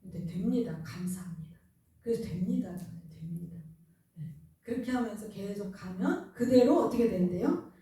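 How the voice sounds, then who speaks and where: A woman's voice: medium pitch, animated, normal speed, dark tone. A woman pastor giving an earnest, conversational sermon and asking the congregation questions. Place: church sanctuary. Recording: very echoey church hall, distant mic.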